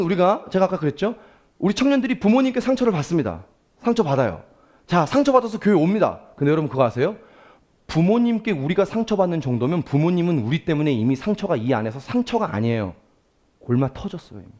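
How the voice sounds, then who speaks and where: A male pastor giving a Sunday sermon, asking the congregation questions and acting out quoted prayers. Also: sits high. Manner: animated preaching, asks the congregation questions; acts out quoted prayers and speech.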